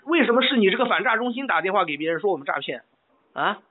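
A man with a high, animated voice talks fast on a tinny phone line, complaining as a caller. The heated argument has him angry and stammering, insistently repeating his points again and again.

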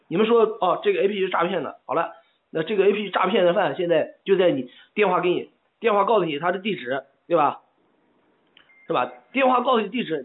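A man with a high, slightly rough voice is angrily complaining by phone in a heated argument. He stammers and keeps insisting on the same points repeatedly, and the call sounds tinny.

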